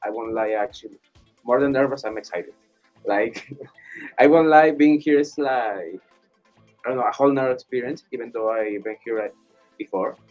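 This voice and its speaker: A man's voice: mid-range voice, moderate pace, pauses often, dull audio, faint music behind. A young man chatting openly as a guest on a school radio show, laughing between phrases. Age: young adult. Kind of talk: casual chat.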